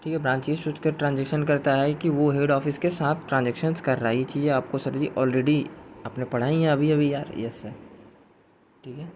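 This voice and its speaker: A man's voice: medium pitch, darkish tone, slight background noise. A man teaching a recorded accounting lecture in a chatty way, mixing in English terms and answering imagined questions from students.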